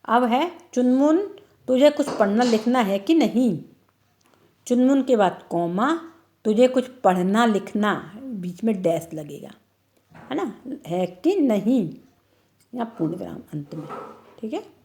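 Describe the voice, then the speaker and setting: A woman's voice: fairly high pitch, animated, slow, dark tone. A woman teacher giving an online class lesson, explaining step by step and repeating each answer.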